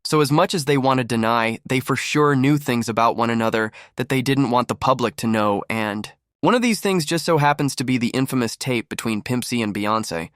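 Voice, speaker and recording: A man's voice: medium pitch, lively intonation, a little fast, hardly any pauses, a bit bright, dry recording, studio quality. A man delivering scripted gossip commentary as a narrator.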